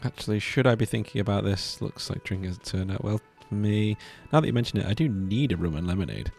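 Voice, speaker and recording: Gravelly-voiced man playing a game. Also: on the low side, animated, quick pace, darkish tone. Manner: playful, laughs often, reads dialogue choices aloud. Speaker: gameplay streamer. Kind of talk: casual let's-play commentary. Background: game music.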